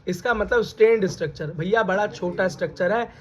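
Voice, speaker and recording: A man with a high, slightly bright voice teaches a biology lesson a little fast, calling his students "beta," asking them questions, and repeating their answers. The classroom lecture comes through on a dull lo-fi recording.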